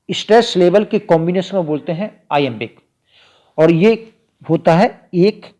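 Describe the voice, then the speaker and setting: A man teaching literature, explaining a poem point by point and repeating key ideas, drawing out the English lines slowly. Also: a little high, dark tone. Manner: slow, stretches out quoted English lines.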